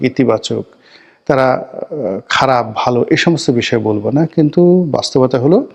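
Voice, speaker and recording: A man's voice: medium pitch, vocal fry, darkish tone. Emphatic man giving solo political commentary. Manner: measured, emphatic, piles up phrases in lists with drawn-out pauses. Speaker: political talk show commentator.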